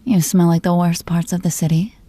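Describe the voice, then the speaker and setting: A woman playing a jealous, possessive girlfriend in an ASMR role-play, teasing and interrogating her partner in a slow, controlling murmur. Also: lowish voice, level tone, dark tone, husky, no echo. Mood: possessive, intimate.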